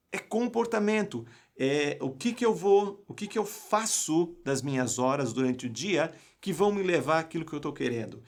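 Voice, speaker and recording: A young Brazilian man who works as an English teacher and coach runs a live online class with emphatic delivery, often asking his viewers rhetorical questions. His voice is on the high side.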